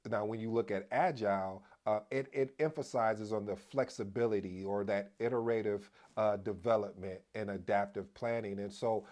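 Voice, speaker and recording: A man's voice: lowish voice, moderate pace, few pauses. Chatty man explaining project management. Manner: energetic, talks straight to viewers as "family"; restarts and repeats himself as he talks. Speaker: project management video host. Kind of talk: casual explainer talk to camera.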